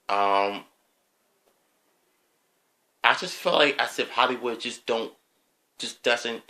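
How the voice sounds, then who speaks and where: Slow, hesitant man with a bright voice. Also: on the low side. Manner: slow, hesitant, with frequent ums and throat clearing. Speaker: vlogger. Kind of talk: opinion vlog monologue.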